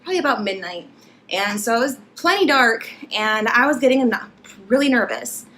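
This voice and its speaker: Bright, laughing woman storyteller. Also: a little high, moderate pace, slight background noise. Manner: animated, laughing, acts out the story. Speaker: vlogger. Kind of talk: casual storytelling to camera.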